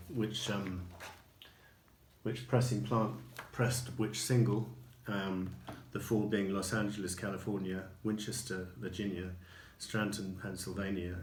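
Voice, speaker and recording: A man reviewing his purchases in a casual video, unhurried and dotted with ums and restarts. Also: low-pitched. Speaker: record collector showing purchases. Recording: echoey room with faint noise.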